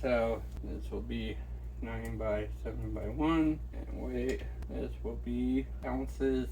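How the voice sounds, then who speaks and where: A man of middle pitch chats easily while he packs and ships items, thinking aloud about costs and thanking buyers. His voice is ordinary and relaxed, caught by a single mic in a small working room with a faint hum of ambience behind him. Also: slow. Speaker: online reseller. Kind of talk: casual packing-and-shipping vlog.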